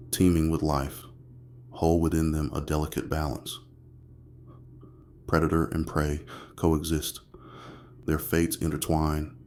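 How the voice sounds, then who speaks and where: A man narrating a nature documentary from a script in an ominous, dramatic way, with slow phrasing and weighty pauses. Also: extremely low pitch, a little mellow.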